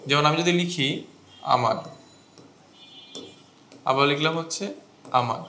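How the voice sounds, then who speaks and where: A man's voice: on the high side, measured pace, sharp tone, reverberant, a little hiss or hum. A man teaching a grammar lesson to students, explaining step by step and asking them questions. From Bangladesh.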